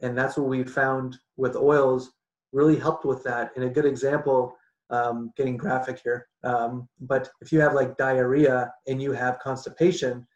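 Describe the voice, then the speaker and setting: A man's voice: medium pitch, level tone, normal speed, dull audio. A Canadian man from Canada, a podcast guest talking in casual interview chat, restarting sentences and laughing often. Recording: roomy echo.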